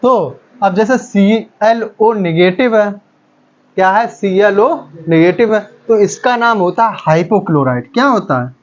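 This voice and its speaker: A man's voice: high-pitched, expressive, a little slow, lo-fi sound. A male chemistry teacher lecturing, asking the class a question and repeating each answer back.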